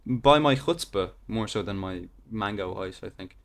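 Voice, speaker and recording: A man's voice: lowish voice, expressive, moderate pace. A man in his twenties, a podcast guest chatting casually, laid-back and laughing, trailing off with fillers. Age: 20s. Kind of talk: casual chat.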